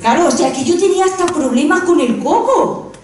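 High lively woman doing stand-up, echoey. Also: a little fast, crowd noise. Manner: self-mocking, punchy joke delivery. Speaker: stand-up comedian. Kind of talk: stand-up comedy monologue. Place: live comedy venue stage. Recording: very echoey room, voice from far off.

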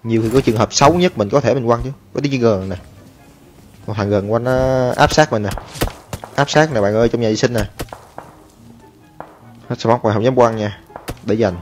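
A man giving excitable, chatty commentary over his own gameplay, talking to viewers and taunting enemies. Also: medium pitch. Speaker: gaming streamer. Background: game music and gunfire.

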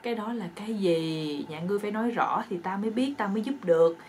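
A woman voicing an old male fairy spirit who grants wishes, speaking slowly and solemnly in old-fashioned words. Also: mid-range voice, darkish tone, slight background noise, close to an everyday voice. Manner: slow, solemn, archaic speech.

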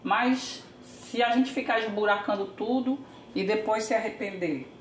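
With a medium-pitched voice and a slightly slow pace, an older Brazilian woman vlogs a home how-to from her kitchen, chatting and thinking aloud as she works. The kitchen is echoey, with faint hiss in the background.

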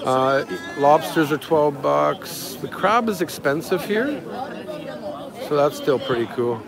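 Animated and slow, with vocal fry in a fairly high voice, a male travel vlogger and guide live-streams a loose, chatty walking tour. He's on a busy outdoor market street, surrounded by crowd noise and traffic going by.

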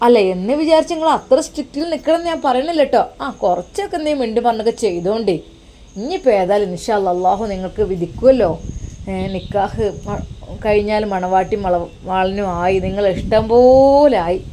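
A woman voicing an elderly devout mother who gives gentle, soothing advice. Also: medium pitch, fairly quick, slight background noise, close to an everyday voice. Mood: teasing.

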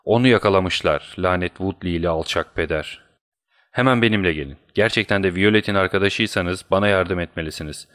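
A man reading an audiobook who voices a frantic, desperate male stranger, talking fast and pleading. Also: low-pitched, fairly bright tone.

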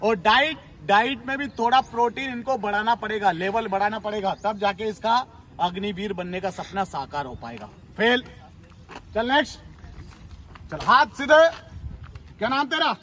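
A young man coaching army recruits in an instructional video, giving brisk commands and teasing them as he drills. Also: high-pitched, expressive, pushed and bright. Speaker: army recruitment physical trainer.

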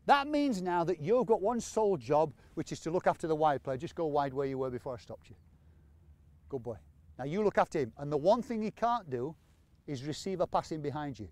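Man, football coach, fairly high voice, encouraging, repeats short commands, outdoors on a pitch. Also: a little mellow, no room sound. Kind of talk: on-field coaching instruction.

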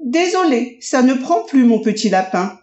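Bossy mama bunny read by a woman, kids storybook, highish voice, echoey. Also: big pitch swings, moderate pace, mellow. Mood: scolding. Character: mother rabbit, bossy then unimpressed. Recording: roomy, dull lo-fi audio.

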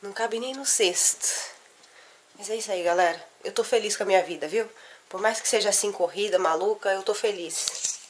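A woman's voice: mid-range voice, fairly quick, slight background noise. A young woman with a Brazilian Portuguese accent, a mother chatting to her viewers from home, teasing and talking straight to the camera. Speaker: vlogger and mother. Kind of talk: casual talk to camera. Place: at home, indoors.

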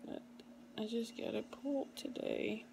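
A woman's voice: a little high, huge pitch swings, measured pace, creaky. A young adult woman talking in a groggy, sluggish mumble after dental surgery, in a casual vlog recorded on a phone while lying down indoors. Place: small indoor room, lying down. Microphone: phone at arm's length. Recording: noisy phone recording with room noise.

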